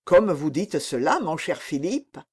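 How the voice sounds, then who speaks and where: A woman reading the part of an older queen mother who answers her son calmly and with gentle reproof. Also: low voice, a little slow, husky, full character voice. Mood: reproving.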